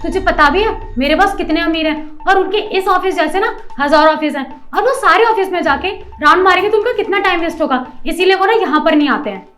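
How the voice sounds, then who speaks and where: A woman's voice: very high-pitched, expressive, quick pace, hardly any pauses, fairly bright tone, soft background music. A woman playing a rude, haughty office manager in a short skit, talking down and scolding. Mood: scornful. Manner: scolding, bossy, condescending.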